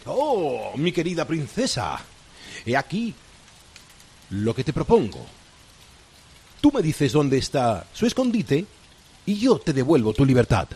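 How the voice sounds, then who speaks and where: Villainous pirate captain man performing: husky, high-set, theatrical drawl, mock courtesy, radio play. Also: wildly swooping pitch, measured pace, pauses often, warm tone, heavily acted. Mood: menacing, mock-polite. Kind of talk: amateur radio re-enactment of a film scene.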